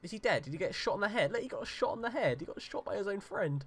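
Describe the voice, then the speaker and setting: A young man giving jokey, excitable let's play commentary, pleading with and yelling at the game. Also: sits high, quick pace, husky. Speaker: gamer.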